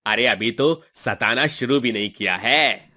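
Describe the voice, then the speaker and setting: A man's voice: mid-range voice, unhurried, pushed and bright. A man voicing a sleazy male street thug in a cartoon, taunting and lecherous. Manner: mocking, lecherous. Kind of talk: Hindi cartoon voice acting.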